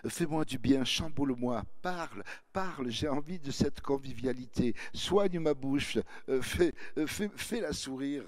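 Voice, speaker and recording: A man's voice: medium pitch, lively intonation, a little slow, few pauses, lightly acted. A man voicing an eager young woman who gushes and pleads to hear about a sunny southern city, in a breathless, effusive manner. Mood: pleading, effusive.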